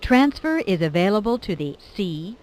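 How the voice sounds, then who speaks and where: A woman's voice: mid-range voice, very animated, moderate pace, darkish tone. A woman reading a scripted train transfer announcement in a public-announcement style, like at an airport.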